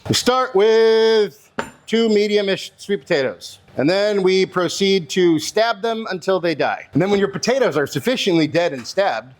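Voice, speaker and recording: Jokey self-deprecating cooking host, fairly high. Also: male voice, slight background noise. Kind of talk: casual cooking vlog.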